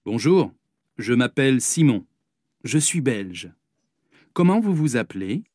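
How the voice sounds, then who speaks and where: A slow, polite textbook speaker. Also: male voice, mid-range voice, no room sound, studio quality. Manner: slow, even, clearly spoken. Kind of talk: scripted language-course dialogue.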